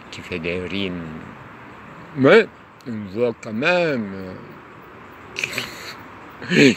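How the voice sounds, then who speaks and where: Slow, hesitant man over loud traffic. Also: mid-range voice. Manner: hesitant, full of pauses and fillers. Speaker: lecturer. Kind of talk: rambling musing monologue. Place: outdoors near traffic, by a tunnel. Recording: loud traffic noise behind.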